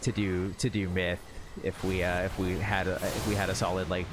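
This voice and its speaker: A man's voice: sits low, little pitch movement, moderate pace, noisy background. A man chatting casually on a live stream while playing, rambling with lots of "like" and the odd swear word. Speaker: streamer playing an online game. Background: game music.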